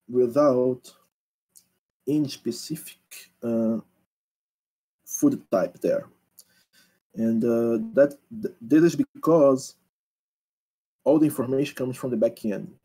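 A man in his thirties presenting a technical demo over a video call, talking haltingly and asking others to switch slides and screens. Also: medium pitch, mellow, slightly rough, poor audio. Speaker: presenter at an online developer meetup. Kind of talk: live technical demo talk.

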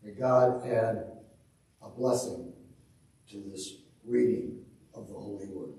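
Pastor, man, middle-aged, slow and measured, mellow tone, booming church reverb, heard from afar. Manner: slow, measured delivery with dry asides. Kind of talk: sermon and scripture reading. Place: large church sanctuary at a pulpit. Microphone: far camera. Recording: echoey church from far off.

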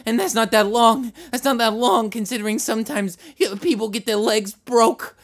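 A man's voice: extremely high pitch, normal speed, a bit bright. An actor voicing a desperate, rambling cartoon man who pleads to be believed, repeating himself and stumbling over restarts. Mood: pleading. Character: rambling desperate man insisting on his identity. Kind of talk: animated short voice acting.

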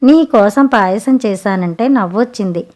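A woman voicing a clever, sharp-tongued young sea maiden in a spoken storybook, talking frankly and chidingly. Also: mid-range voice, moderate pace, close to an everyday voice.

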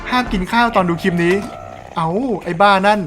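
A man's voice: sits high, a little fast, over music. A man giving casual let's play commentary, chatting and joking while reading game dialogue aloud. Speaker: gamer.

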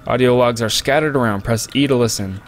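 A man's voice: medium pitch, fairly quick. A man casually commentating a game on a close microphone, joking and rambling at viewers. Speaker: let's play commentator. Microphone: close desk microphone.

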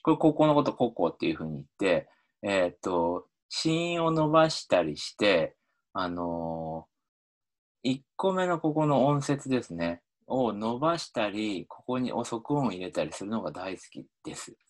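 A man with a very low voice gives a linguistics lesson over slides. His pitch swings widely as he explains, and he often pauses on fillers and restarts his sentences. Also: very animated. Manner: hesitant, many fillers and restarts. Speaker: linguistics lecturer.

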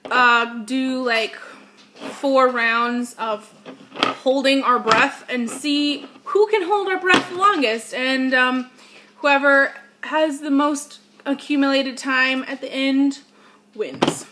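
Sitting slightly back from the camera mic in a kitchen, a young adult woman chats casually as co-host of a home vlog challenge video. Her voice sits high and she speaks slowly against a noisy background.

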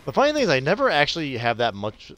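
Bright, animated gamer guy. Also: a little high, quick pace. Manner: frustrated, profane, melodramatic. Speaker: gaming commentator. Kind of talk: casual gameplay commentary.

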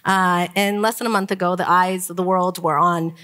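A woman in her forties moderating a conference panel on stage, talking with many pauses and fillers. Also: fairly low pitch, steady tone, fairly bright tone. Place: conference stage before an audience.

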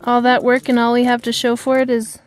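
Breathless excited woman on a mountain trek. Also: a little high, fairly quick, music in the background. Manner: excited, exclaiming. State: a little out of breath. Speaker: vlogger. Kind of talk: casual travel vlog chat. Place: outdoors on a high mountain trek. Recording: loud outdoor noise.

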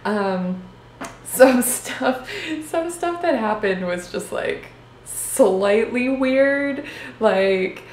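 A woman's voice: on the high side, expressive, extremely slow, darkish tone. A young woman in her twenties chatting casually to a handheld camera in a small hotel room, rambling with lots of fillers and little laughs. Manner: rambling, filler-heavy, giggly. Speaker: vlogger. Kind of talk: casual vlog chat. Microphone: handheld camera close up. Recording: roomy hotel room sound, faint hiss.

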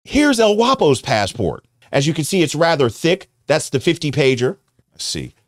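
A man's voice: on the high side, wildly swooping pitch, moderate pace, no echo, studio quality. A middle-aged American man giving casual, slangy, teasing reaction commentary as a show host. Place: indoor home studio. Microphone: close studio mic on boom arm.

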